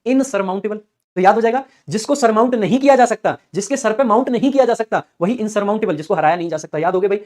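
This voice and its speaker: A man's voice: high-pitched, quick pace, darkish tone. A man teaching English vocabulary for exams in a chatty way, repeating key words in a chanting rhythm. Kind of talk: exam-prep vocabulary lesson with memory tricks.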